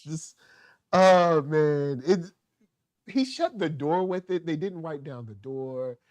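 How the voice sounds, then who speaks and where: Animated man chatting on a dry mic. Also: a little high, slow, no room sound. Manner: animated, laughing, acts out quotes. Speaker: podcast host. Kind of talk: casual chat reviewing a TV episode.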